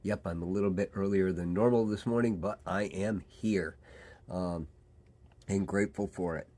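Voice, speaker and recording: A man's voice: sits low, steady tone, normal speed, mellow. A man, a pastor, giving a conversational daily devotional sermon in an earnest manner. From Michigan. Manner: conversational, earnest, dramatizes quoted voices.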